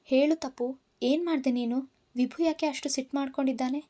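A woman's voice: sits high, steady tone, normal speed, mellow, natural voice. A woman voicing a worried middle-aged mother who asks anxious questions, in a storybook reading.

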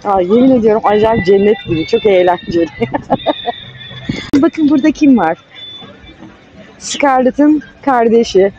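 A woman's voice: fairly high pitch, measured pace, pauses often, muffled recording. A woman vlogger chatting casually to her viewers outdoors. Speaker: motorcycle vlogger. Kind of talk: casual vlog talk to viewers. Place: outdoors at a motorcycle festival. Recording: loud outdoor wind and engine noise.

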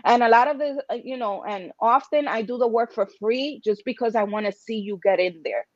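Speaking a little fast in a slightly high, somewhat mellow voice, the Dominican-American founder of a writers' association, a middle-aged woman, is an indoor video-call interview guest. Her answers are passionate, emphatic and chatty, frequently rhetorical. The dry recording comes through a computer video-call microphone, sounding dull and lo-fi.

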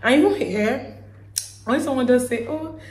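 Woman vlogger, Nigerian accent with a Ghanaian tinge, lowish voice, loose rambling chat, echoey room. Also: normal speed, a little mellow. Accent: Nigerian, with some Ghanaian. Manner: chatty and rambling, with frequent fillers and laughs. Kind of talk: casual reflective vlog chat.

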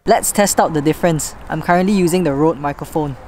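Playful low-voiced woman vlogger. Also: fast, background noise. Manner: playful, jokey, chatty. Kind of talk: casual vlog, testing microphones.

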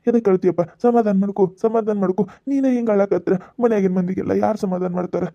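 A woman voicing an older uncle in a cartoon who quickly soothes his grieving nephew, with a North Karnataka Kannada accent. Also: medium pitch, steady tone, warm tone, no room sound, close to an everyday voice. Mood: soothing. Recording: dull lo-fi audio.

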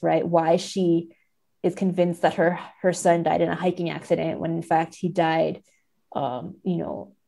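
A literary scholar appears as a podcast guest, her fairly low, warm voice explaining things analytically while often checking in with "right?"

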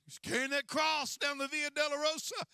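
A man's voice: very high voice, little pitch movement, normal speed, sharp tone, no room sound. A middle-aged man preaching a sermon as senior pastor on a large church stage, with a handheld mic and a repetitive, rising and falling cadence.

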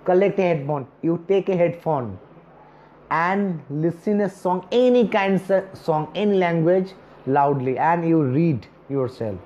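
In a self-help video, a man in his thirties who natively speaks Bengali coaches viewers on speaking, sitting on a chair in a small indoor space and gesturing with both hands. His voice is fairly high yet dark in tone, slow and earnest, broken by long pauses. The lapel-mic audio is a bit dull, with faint hiss.

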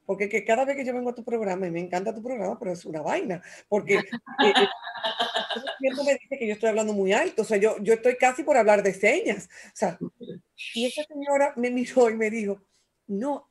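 A woman, talking as a guest expert on communication in an animated, expressive way and acting out quotes. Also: on the high side, fast talker, breathy edge. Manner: animated, acts out voices and quotes. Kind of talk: radio talk show conversation.

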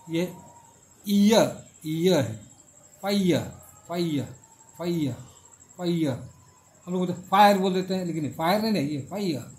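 Slow-talking man teaching a class. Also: on the high side, mellow, a little hiss or hum. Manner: slow, repetitive, drawn-out explanations. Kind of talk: classroom lecture on phonetics.

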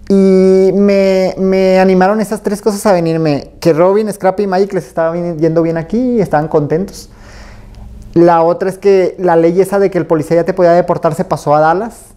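A man with a Mexican Spanish accent, a tattoo artist being interviewed. He tells his story in a relaxed, rambling way, full of fillers and acted-out quotes. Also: a little high.

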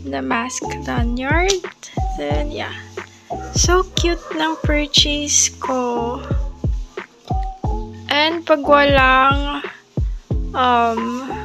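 A young woman with a Filipino accent talks through her vlog in a high, unhurried voice. She chats casually and easily, dropping in small fillers, over clear background music. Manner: relaxed, code-switching, many fillers. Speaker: vlogger.

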